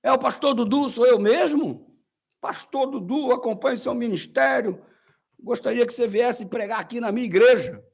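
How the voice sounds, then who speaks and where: A man voicing a warm, enthusiastic male Pentecostal church president, speaking loudly and effusively. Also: extremely high pitch, normal speed, creaky, husky, exaggerated voice. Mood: friendly.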